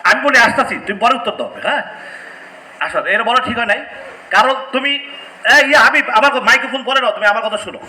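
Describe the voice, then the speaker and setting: A man's voice: very high voice, quick pace, sharp tone. A man giving a heated, scolding speech at a press event, repeating phrases for emphasis, recorded on a distant mic in an echoey hall. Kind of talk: impassioned press conference speech.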